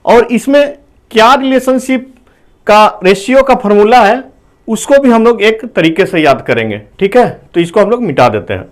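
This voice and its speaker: A man's voice: high voice, lively intonation. A man teaching a whiteboard math lesson, explaining step by step, asking his students questions and saying "okay" between points. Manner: explains slowly, asks the class questions.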